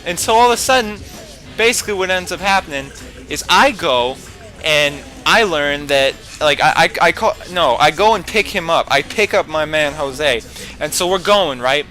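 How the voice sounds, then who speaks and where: Young male vlogger, bright higher voice, cursing, rambling storytime over faint music. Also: moderate pace. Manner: profane, animated storytelling with heavy filler. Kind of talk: casual storytime.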